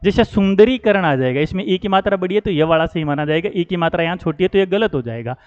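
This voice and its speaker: A man teaching Hindi spelling, explaining each word slowly and checking in with his students. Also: high voice, animated, a little mellow. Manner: explanatory, repeats key words, asks "है ना". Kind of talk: spelling lesson. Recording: dull lo-fi sound with long reverb.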